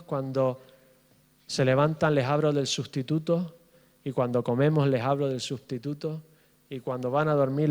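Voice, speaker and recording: A man's voice: fairly high pitch, darkish tone. A middle-aged man preaching a sermon as pastor, passionate and building with repetition. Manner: impassioned, rising in fervor with repetition. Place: church hall. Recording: reverberant church hall.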